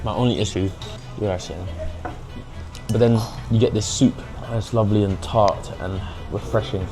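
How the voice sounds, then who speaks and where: A young man from England, a food vlogger at a hotpot restaurant, chats casually and cheekily in an English accent while mixing in Mandarin phrases. His voice is on the low side with fairly even intonation and an unhurried pace, heard over music with poor audio.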